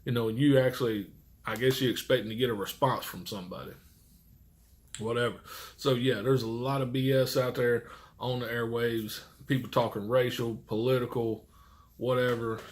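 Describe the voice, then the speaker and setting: Here a man at ordinary speed and middle pitch rambles on like a vlogger. He drives trucks in America, and his advice comes loose and casual, laced with cussing and down-home bluntness.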